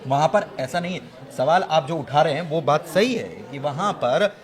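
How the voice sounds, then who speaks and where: A man analysing news in a studio discussion, emphatic and explanatory, often pausing to hesitate. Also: a little high, lively intonation.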